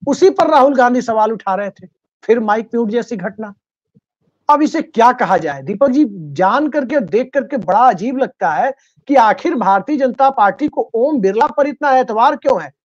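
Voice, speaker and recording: A man's voice: extremely high pitch, lively intonation, moderate pace, muffled recording. A man speaking as a political commentator on a panel, arguing his case with folk idioms and rhetorical questions.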